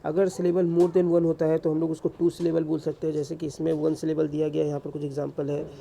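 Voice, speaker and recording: A man's voice: a little high, monotone, quick pace, vocal fry, warm tone, a little hiss or hum. A man teaching English grammar in a classroom-style lecture, asking rhetorical questions and answering them himself.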